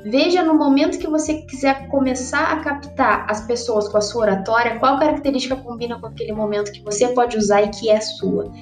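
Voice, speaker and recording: A woman's voice: fairly high pitch, a little fast, hardly any pauses, echoey room, faint music behind. A woman coaching public speaking in a casual, conversational way, often checking in with her listeners. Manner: conversational, often tags "né?" and addresses viewers directly. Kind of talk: casual instructional talk.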